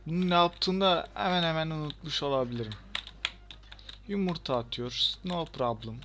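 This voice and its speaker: Young guy playing a game, bit high voice, keeps yelling at the boss, keyboard clicking faintly. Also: moderate pace, noisy background. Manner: chatty, excitable, talks to the game and the viewers. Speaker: gaming channel host. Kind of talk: casual let's-play commentary.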